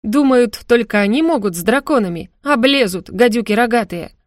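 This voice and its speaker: Woman putting on a shrill young gal, fiery and scolding, higher and louder. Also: moderate pace, dry recording, studio quality, natural voice. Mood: ranting.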